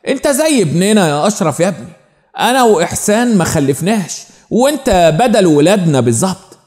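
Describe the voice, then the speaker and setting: A jovial, fatherly middle-aged Egyptian doctor, voiced by a man narrator. His voice is high and animated, with a long reverb behind it in this spoken story. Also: quick pace. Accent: Egyptian Arabic. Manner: warm, fatherly.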